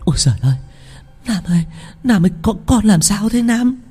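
A man's voice: lively intonation, brisk, dark tone. A man doing a terrified old grandmother. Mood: terrified pleading. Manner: high, trembling, pleading cries. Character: frightened old grandmother, frail and pleading. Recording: faint music behind.

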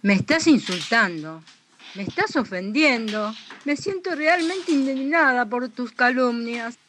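A woman's voice: fairly high pitch, expressive, a little slow, a bit bright, a little hiss or hum. An Argentine woman playing a proud, easily offended lady neighbour in a radio comedy.

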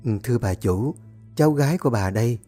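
A storyteller voicing a humble, calm older village midwife speaking softly and respectfully. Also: medium pitch, fast talker, soft background music, natural voice. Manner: soft, respectful, subdued.

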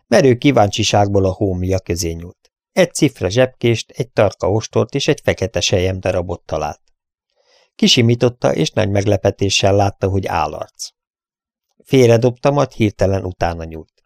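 Gravelly, low-voiced male audiobook narrator. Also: expressive, a little mellow, dry recording, clean studio sound. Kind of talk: audiobook narration of an adventure novel.

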